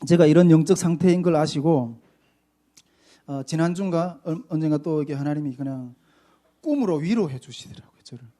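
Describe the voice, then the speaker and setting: A male pastor preaches a personal testimony sermon. His voice sits high, and he presses hard on some phrases and drops to near a hush on others. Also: a little fast. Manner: emphatic, swings between loud and soft.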